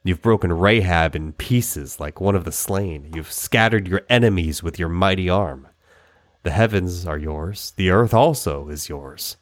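A man reads scripture aloud in a fairly low voice, giving each psalm an expressive, dramatic reading. His delivery climbs on pleading lines and settles back down between verses. The sound is dry, with no room around it. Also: a little slow, no echo. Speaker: Bible reader.

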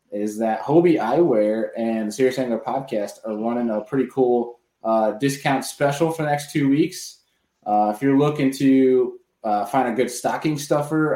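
Casual and buddy-like, this podcast host runs his show live with an informal manner of address. He has a medium-pitched, slightly mellow voice, heard in a roomy, echoing space.

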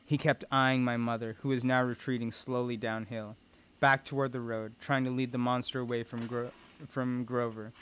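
A man's voice: mid-range voice, flat delivery, moderate pace, fairly bright tone, clear, resonant tone. A man reading a first-person adventure story aloud with tense, dramatic delivery. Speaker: audiobook narrator. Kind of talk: first-person audiobook narration.

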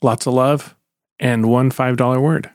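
A man co-hosting a casual faith talk, joking and prompting his partner with quick, encouraging remarks. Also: mid-range voice, fairly even intonation, darkish tone, no room sound, studio quality. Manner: playful, quick, encouraging backchannels. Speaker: podcast co-host asking questions. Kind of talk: casual conversation.

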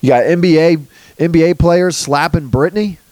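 A man's voice: a little high, normal speed, a little mellow, no echo. A man doing a rambling comic monologue as a podcast host, crude and sarcastic, swearing freely and jumping loosely from topic to topic. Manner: jumps loosely between topics.

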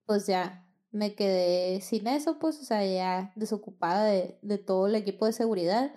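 A woman's voice: mid-range voice, normal speed, mellow. A young woman with a Mexican accent, telling a personal story in casual, slangy, profane chat and acting out the dialogue. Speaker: podcast host.

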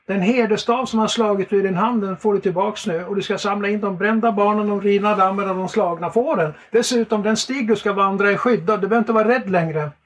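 A Swedish man sharing a faith testimony in lively storytelling, animated and laughing often. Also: high voice, hardly any pauses. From Sweden.

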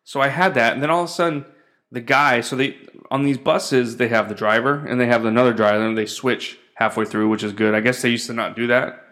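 A man's voice: mid-range voice, steady tone, fairly quick, fairly bright tone. A man, the show's host, tells a rambling and profane story in a casual, exasperated rant.

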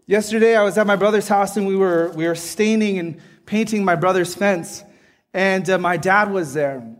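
A man's voice: high-pitched, normal speed. A man preaching a sermon earnestly, often checking in with the listeners by asking "right?". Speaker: pastor.

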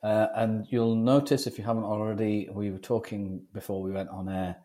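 A man with a fairly low, very mellow voice hosts a podcast interview. His delivery is chatty and informal, moving between introductions and questions. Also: level tone, moderate pace. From North East England. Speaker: podcast host.

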